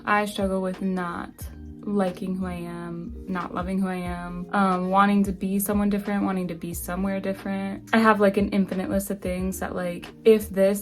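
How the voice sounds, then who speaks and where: A young woman vlogging casually in her home kitchen while she bakes, rambling and self-deprecating, with lots of fillers. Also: mid-range voice. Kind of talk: casual chat while baking. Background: faint lofi music.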